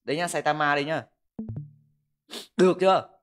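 A man's voice: fairly high pitch, normal speed, fairly bright tone, soft background music. A man, livestreaming from a room at home and joking crudely as he reads viewer comments into a desk mic. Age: 20s. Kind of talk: casual livestream chat. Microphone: desk microphone.

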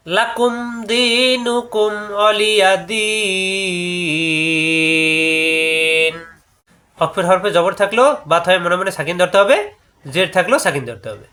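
A man with a Bangladeshi Bengali accent teaching tajweed rules, explaining step by step and breaking off to chant verses slowly. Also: sits high, a bit bright. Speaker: Quran recitation teacher. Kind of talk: tajweed lesson with chanted recitation.

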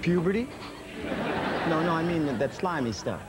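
A man's voice: a little high, expressive, moderate pace, loud music behind the voice, close to an everyday voice. An actor playing a smug teasing young guy. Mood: gloating. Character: cocky teasing young man gloating over a bet. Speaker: diner worker. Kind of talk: sitcom acting.

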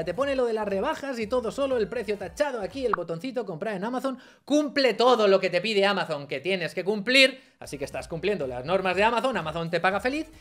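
High, lively man in his thirties; dramatic vlog explainer who swears and swings from yelling to muttering; faint music under him. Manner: theatrical, swears freely, big swings between shouting and mumbling. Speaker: online marketing youtuber.

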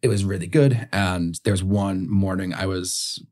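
A young man from Bermuda, a podcast guest, telling stories in a relaxed way, full of "like" and "um". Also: low-pitched, unhurried. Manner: relaxed storytelling, heavy use of "like" and "um". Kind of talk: casual conversational interview.

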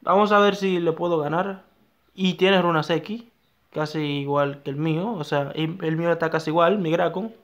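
A young man giving excitable live gameplay commentary, talking to himself and his viewers and repeating his phrases. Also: on the high side, normal speed. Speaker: gaming YouTuber.

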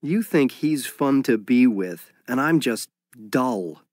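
A man's voice: mid-range voice, animated, drawn-out words, no echo, clean studio sound. An actor voicing an insecure jealous young man in a scripted textbook dialogue, sulky and whiny.

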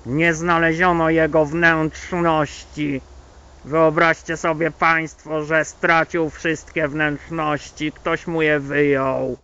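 A man playing a newsreader who announces a grisly death in a measured mock bulletin for a horror film. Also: a little high, flat delivery, pushed and bright, clear, resonant tone, heavily acted. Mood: grave announcing. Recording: dull lo-fi sound.

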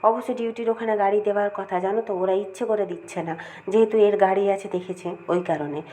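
A middle-aged woman chatting casually to her viewers at home, rambling about her day, with a cold and a slightly hoarse throat. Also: mid-range voice, steady tone, fast, dark tone, a little hiss or hum. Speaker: vlogger. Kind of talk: casual daily-life vlog chat.

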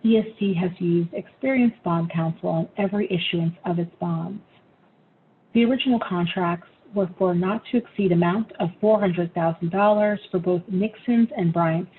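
Woman presenting on a teleconference call. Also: on the low side. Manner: steady, businesslike. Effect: heard over a teleconference line. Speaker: staff presenter. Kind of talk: formal scripted presentation. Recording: tinny phone-line sound, faint noise.

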